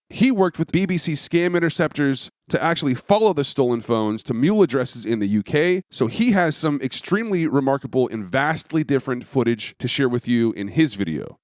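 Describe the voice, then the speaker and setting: A man's voice: medium pitch, dry recording. Dry-sounding man narrating an investigation. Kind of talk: scripted documentary narration.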